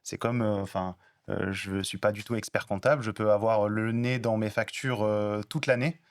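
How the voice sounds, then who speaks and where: A man's voice: fairly low pitch, fairly even intonation, moderate pace. A man on a panel at a business talk, explaining his points steadily through everyday examples.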